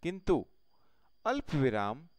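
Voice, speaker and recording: A man teaching a Hindi grammar lesson, explaining slowly step by step with pauses. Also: a little high, wildly swooping pitch.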